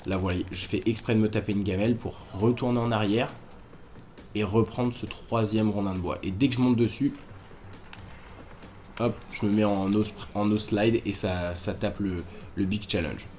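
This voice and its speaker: A man's voice: lowish voice, fairly even intonation, normal speed, darkish tone, soft background music. A man hosting a game walkthrough, talking casually and correcting himself as he explains moves to viewers. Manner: chatty, self-correcting, addresses viewers directly. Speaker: gaming walkthrough host.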